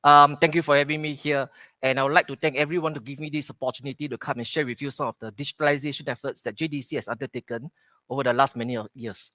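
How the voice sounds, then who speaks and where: A middle-aged man from Singapore with a Singaporean English accent, giving a keynote at a conference, pausing with "okay" between points. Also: mid-range voice, fairly even intonation, sharp tone, no echo. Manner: plain, repeats "okay" to pace points. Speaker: conference speaker. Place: conference hall stage.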